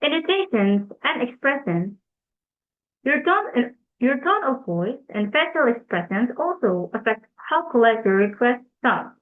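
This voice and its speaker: A young woman, reading a class presentation aloud in a careful, deliberate way and correcting herself as she goes. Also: on the high side, sing-song. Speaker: student presenter. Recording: tinny phone-like recording.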